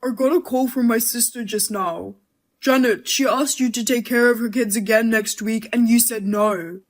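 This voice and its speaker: An idle, touchy husband, voiced by a woman with a somewhat high voice. He answers in a defensive, snapping way. This is a narrated storybook drama. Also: fairly even intonation, normal speed, close to an everyday voice. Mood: irritated.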